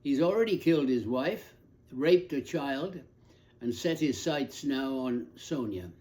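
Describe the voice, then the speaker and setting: A man's voice: mid-range voice, expressive, unhurried, darkish tone. A man giving an earnest, scripted lecture on a novel, telling it like a story. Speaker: lecturer on literature.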